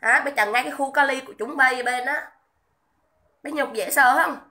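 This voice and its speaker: A woman's voice: high voice, normal speed, pushed and bright. A woman, ranting on a livestream in a scolding, indignant, repetitive way and greeting viewers between tirades. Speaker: livestream commentator. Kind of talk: livestream rant.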